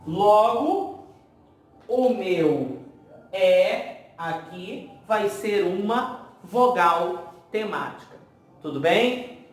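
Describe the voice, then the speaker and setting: A man's voice: high-pitched, animated, very slow, pauses often. A man with a Brazilian Portuguese accent teaching a grammar lesson for exam prep. He explains step by step and keeps checking in with the students. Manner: explanatory, repeats "tá?" to check understanding. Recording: very echoey room, faint ambient noise.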